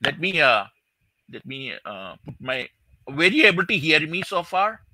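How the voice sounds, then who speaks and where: A man presenting a physics theory in a halting live talk full of fillers and restarts, over a faulty microphone that crackles and cuts in and out. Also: fairly high pitch, very animated. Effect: crackling mic cutting in and out. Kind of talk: live-streamed technical talk. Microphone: faulty microphone on a video call. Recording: dry sound, mic dropping out.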